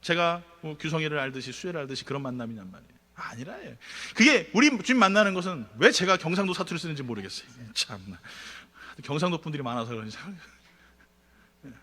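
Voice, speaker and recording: A pastor delivers a sermon in a church sanctuary, speaking quickly in a bright, high voice. His animated preaching rises to emphatic peaks and then drops into quiet asides, while a long reverb from the hall trails each word.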